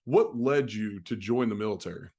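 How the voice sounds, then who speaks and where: A man in his thirties hosting a podcast, asking questions in a measured, complimentary way. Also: lowish voice, darkish tone. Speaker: podcast host. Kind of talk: interview questions.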